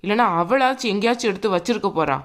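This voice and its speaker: A woman's voice: mid-range voice, animated, very fast, lightly acted. A woman voicing a quarrelsome young bride-to-be in a cartoon, sarcastic and nagging. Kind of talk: cartoon voice acting.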